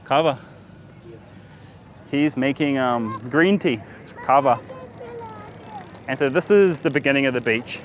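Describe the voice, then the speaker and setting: A man's voice: medium pitch, measured pace, long pauses. A man giving casual travel vlog commentary as he moves around outdoors. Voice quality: speaks as a foreign visitor. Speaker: travel vlogger. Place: outdoors, busy beachfront and streets. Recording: outdoor street noise, passing vehicles.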